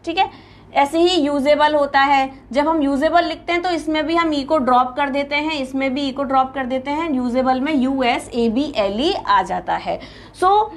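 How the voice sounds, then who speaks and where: Woman, Indian accent, high voice, exam-prep English teacher, explains step by step, keeps checking students follow. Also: normal speed.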